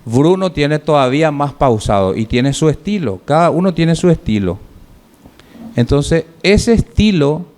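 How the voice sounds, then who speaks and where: A man teaching public speaking, giving feedback to his class in a measured way, listing points with pauses and rhetorical questions. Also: fairly high pitch, sing-song, a little mellow.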